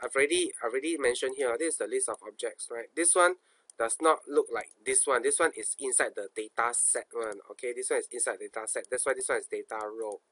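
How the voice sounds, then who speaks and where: A man with a Singaporean accent, a programming instructor, rattles through a casual coding tutorial fast in a slightly bright, mid-range voice. He thinks out loud in colloquial speech, asking himself questions and going over phrases again.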